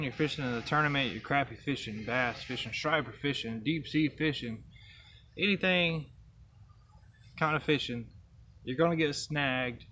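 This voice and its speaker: With a sharp, medium-pitched voice, the young man hosting a fishing channel shows how to tie a knot outside by some trees and a truck, numbering the steps as he goes. The camera is held up near his face, and there's slight background noise.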